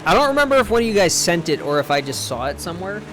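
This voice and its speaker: A man's voice: high voice, sing-song, very fast. A young man streaming a game, rambling in casual chat and swearing freely. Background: game music.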